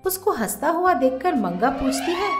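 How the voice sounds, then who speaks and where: A woman narrates a cartoon storybook in a high, very lively voice. A roomy echo surrounds her, and faint music plays underneath. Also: moderate pace. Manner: expressive, storytelling.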